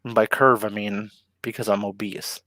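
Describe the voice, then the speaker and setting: A man's voice: fairly low pitch, little pitch movement, normal speed, pushed and bright, dry recording. Laid-back man hosting a live stream. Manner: laid-back, laughs often, many ums. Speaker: co-host of a live ocean talk stream. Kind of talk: casual live-stream chat.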